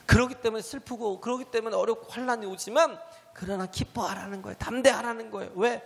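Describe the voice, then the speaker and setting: A man's voice: sits high, fairly even intonation, fast, vocal fry. A male pastor preaching a sermon, often asking the congregation rhetorical questions and calling out hallelujahs. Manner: punctuates with shouted hallelujahs. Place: church sanctuary. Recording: church hall reverb.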